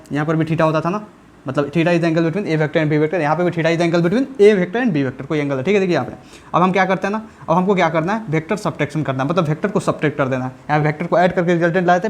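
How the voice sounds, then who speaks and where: A man teaching a physics lesson in a chatty, colloquial way, often pausing to ask whether the students follow. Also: on the high side. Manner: repeats checks for understanding, chatty and colloquial. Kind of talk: classroom lecture at a whiteboard.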